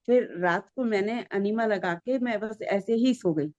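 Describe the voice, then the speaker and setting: A woman caller describing her situation over an online call, her phrases halting and broken off while the connection keeps cutting out in glitchy bursts. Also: medium pitch, a little mellow, no room sound. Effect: choppy, breaking-up online call audio. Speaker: caller asking a question. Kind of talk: casual call-in question. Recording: dull, muffled call line.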